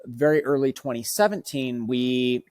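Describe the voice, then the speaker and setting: A man in his thirties from Norway, a bison rancher and guest in a casual interview, talking in a relaxed, halting way with many fillers and restarts. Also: medium pitch, no room sound.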